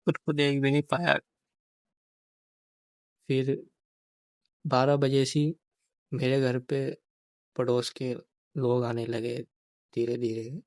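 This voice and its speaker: A man's voice: mid-range voice, level tone, takes it slowly, long pauses, a little mellow, dry recording. A young man, a vlogger, talking about a painful personal memory and often repeating his phrases as he tells it. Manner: grieving, repeats phrases, quotes others in dialogue. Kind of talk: personal storytelling vlog.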